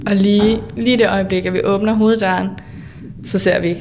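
Calm woman narrating her story. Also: mid-range voice, background noise. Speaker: storyteller recounting a hitchhiking trip. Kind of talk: personal storytelling for radio. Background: faint music under the voice.

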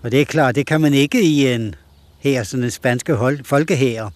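A man's voice: medium pitch, dry recording. An older man giving earnest testimony, searching for words, on an archival recording. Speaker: interviewed veteran volunteer. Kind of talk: recalled testimony.

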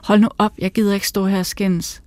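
A sharp-tongued, irritable woman in her forties, voiced by a woman reading aloud. She talks in heated bursts and mocks the person she is arguing with. The sound is dry and close. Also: mid-range voice, level tone, no echo, close to an everyday voice. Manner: heated, mocking, speaks in bursts.

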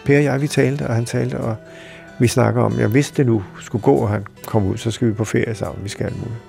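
A middle-aged Danish man telling a personal story in a halting, reflective way, with many fillers. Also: mid-range voice, gravelly, darkish tone, soft background music. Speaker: interviewee recalling a friend.

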